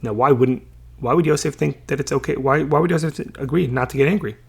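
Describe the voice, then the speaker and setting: A man teaching a Bible passage in a casual way. He reads each verse slowly, translates it, and checks in with listeners as he goes. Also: medium pitch, creaky, breathy edge. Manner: chatty, many fillers and checking questions.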